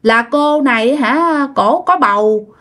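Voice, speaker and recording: A woman with a Southern Vietnamese accent narrates a ghost story in a chatty way, addressing her listeners directly. Her voice is high and fairly bright, with lively intonation and a slow pace.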